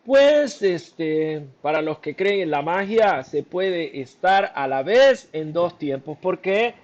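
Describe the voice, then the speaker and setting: A man's voice: sits high, animated, slow, muffled recording. A man hosting an interview in a casual, effusive way, talking expressively and laughing often. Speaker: interview host. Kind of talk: casual video-call interview.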